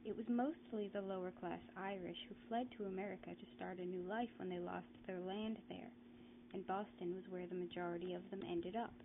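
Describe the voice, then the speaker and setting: A woman's voice: fairly low pitch, fairly even intonation. Woman narrating a dialect lesson. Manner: clear, deliberate, slows down to demonstrate words. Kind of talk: scripted educational narration. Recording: lo-fi phone-like audio, faint noise.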